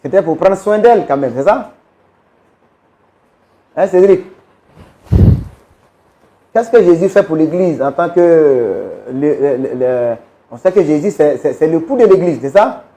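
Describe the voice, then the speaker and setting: Male pastor, higher pitch with a dark mellow tone, questioning and hesitant. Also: expressive, a little slow, long pauses. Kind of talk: counseling on a talk show.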